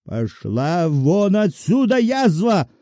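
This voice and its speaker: A man voicing an exasperated bank clerk who grumbles slowly. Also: sits high, big pitch swings, dark tone, dry recording, pitched above the performer's own voice, exaggerated voice. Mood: angry.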